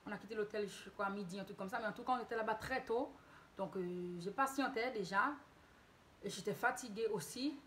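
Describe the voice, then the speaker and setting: A woman from Haiti shares a casual story-time tale with her viewers in a mid-pitched voice. She talks hesitantly, often restarting words and correcting herself. A faint hiss runs under the recording. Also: a little fast, a bit bright. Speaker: YouTuber telling a story.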